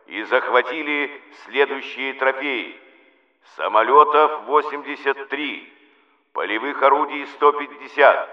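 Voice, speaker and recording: A male radio announcer reading a wartime news bulletin in a solemn, measured, declamatory manner. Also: mid-range voice. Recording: dull, roomy archival radio recording.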